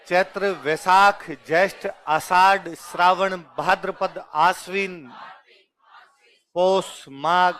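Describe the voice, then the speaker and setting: High-pitched teacher drilling a class. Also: male voice, smooth. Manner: drills the class, repeating words for them to echo; scolds the class to stay quiet. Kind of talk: classroom lecture with call-and-response drills.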